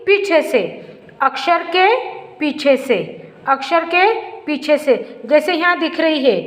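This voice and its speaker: Woman teacher, high voice, very slow, repeating for small children, echoey room. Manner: slow, drawn-out and repetitive, asking questions and answering them herself. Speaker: primary school teacher. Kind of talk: slow Hindi letter-and-matra lesson for first graders. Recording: echoey room with long reverb.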